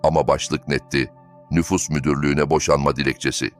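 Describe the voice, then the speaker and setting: A man reading a dramatic family story as narrator, in an even storytelling manner. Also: extremely low pitch, a little fast. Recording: faint background music.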